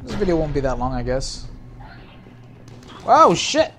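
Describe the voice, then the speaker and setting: A man giving live, excitable commentary over a video game, often shouting and swearing. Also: mid-range voice, fast. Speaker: gameplay commentator.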